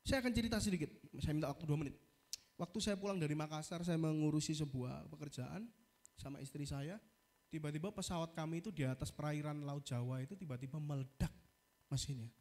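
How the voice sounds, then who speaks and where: A male pastor with an East Javanese accent preaching a sermon, telling a story in a lively way and often calling out to the congregation. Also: fairly high pitch, fast talker.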